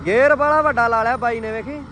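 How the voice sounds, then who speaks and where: A man's voice: very high-pitched, fast. A man giving casual, exclamatory live commentary outdoors with hearty rustic banter. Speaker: vlogger filming farm tractors. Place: outdoors in a farm field near tractors. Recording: loud engine and outdoor vehicle noise.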